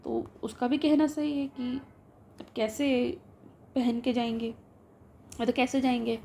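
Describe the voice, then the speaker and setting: Young indian lady teacher explaining a story line by line, highish voice, bit of vocal fry, slight hiss in the background. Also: steady tone, dark tone. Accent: Indian English. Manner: switches between reading English text slowly and explaining in Hindi. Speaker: English teacher.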